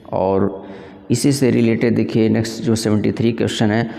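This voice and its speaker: A man teaching an exam-prep English literature lesson, reading questions slowly and explaining in Hinglish with rhetorical questions. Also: mid-range voice, creaky, darkish tone, long reverb tail.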